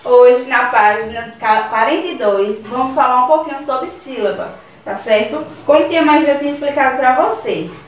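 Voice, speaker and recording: High-voiced Brazilian teacher in echoey room. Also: female voice, far from the mic, soft background music. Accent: Brazilian Portuguese. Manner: slow, careful explaining, repeating words syllable by syllable. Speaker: primary school teacher. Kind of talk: recorded remote class for children.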